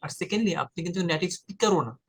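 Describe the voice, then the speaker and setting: A man's voice: high-pitched, rapid-fire, a bit bright, husky. A man from Bangladesh teaching an exam-prep lesson in a direct, informal way, addressing the viewer as brother. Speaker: IELTS tutor. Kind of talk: casual explanatory lesson.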